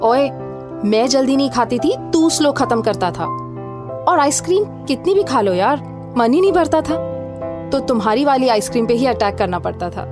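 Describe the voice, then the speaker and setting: A woman's voice: high voice, animated, normal speed. A woman playing a young divorced woman in an audio drama, teasing and mock-scolding in Hinglish. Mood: playful. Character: young divorced woman, playful and bossy with her friend. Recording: studio voice with music underneath. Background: soft background music.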